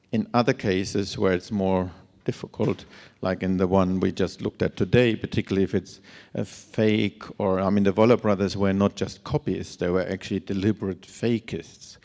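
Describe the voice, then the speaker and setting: A man's voice: fairly low pitch, vocal fry, darkish tone. A man giving a conference lecture, his voice scratchy from long travel, speaking hesitantly with many fillers and restarts. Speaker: lecturer on instrument certification. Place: lecture hall.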